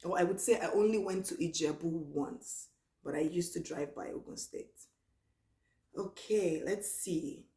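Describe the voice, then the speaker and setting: Young woman, Nigerian accent, lowish voice, relaxed chatty vlog talk, echoey room. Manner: chatty and relaxed, reads questions aloud slowly. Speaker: vlogger. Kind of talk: casual Q&A vlog.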